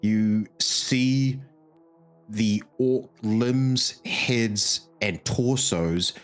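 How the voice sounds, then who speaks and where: A man's voice: lowish voice, extremely slow, faint music behind. A man playing a tabletop game, describing his character's moves and hunting for words as he goes. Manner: hesitant, searching for words. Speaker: player.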